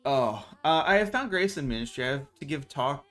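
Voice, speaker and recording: A man's voice: mid-range voice, expressive, fairly quick, fairly bright tone, soft background music. An American man in his thirties, chatting casually and animatedly to a live stream audience with a self-mocking streak. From United States. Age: 30s. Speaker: VTuber streamer.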